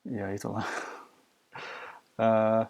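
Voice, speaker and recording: Speaking Indonesian with an Australian accent, a language teacher whose first language is English talks unscripted about himself as a foreigner, as if answering an oral interview. His voice sits on the low side, creaky and darkish, delivered in a monotone and extremely slowly. He hesitates as he hunts for words.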